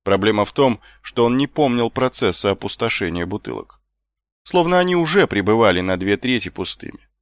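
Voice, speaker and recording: A man narrating an audiobook in an expressive storytelling manner. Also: fairly low pitch, a little fast, no room sound. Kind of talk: scripted narration. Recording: dry close audiobook with faint music.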